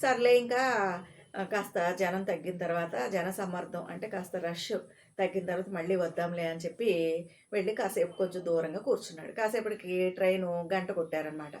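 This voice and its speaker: A woman's voice: lowish voice, fairly quick, a little mellow. Chatty woman retelling a comic novel. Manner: chatty, explains old words as she reads. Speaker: storyteller. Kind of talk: casual storytelling of a comic novel.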